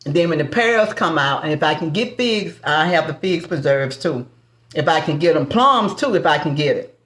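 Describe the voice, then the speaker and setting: A woman's voice: low voice, lively intonation, moderate pace, roomy sound. Southern woman chatting on a cooking stream. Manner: warm folksy banter with viewers, calls them baby and family. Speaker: cooking show host. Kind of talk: live-stream cooking chat.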